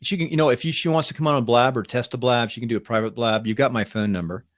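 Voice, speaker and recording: A man's voice: medium pitch, fairly even intonation, fast, no echo, clean studio sound. Rambling upbeat male show host. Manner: rambling, upbeat, self-promoting. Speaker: podcast host. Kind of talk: casual live-stream chat.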